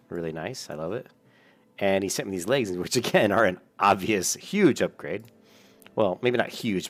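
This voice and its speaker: Male gaming host at home, low gravelly voice, chatty and self-correcting. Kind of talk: casual gameplay commentary. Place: home room at a large desk. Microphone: desk mic.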